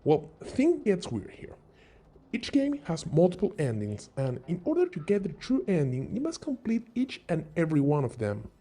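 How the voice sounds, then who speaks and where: A man's fairly high voice swoops wildly in pitch as he narrates, at a moderate pace and with a mellow quality, a scripted video game countdown. Acting as an informal explainer, he asks and answers his own questions over background music.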